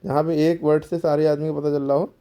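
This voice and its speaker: A man's voice: on the high side, little pitch movement, quick pace, mellow. A man teaching a grammar lesson to schoolchildren, explaining step by step and answering his own questions.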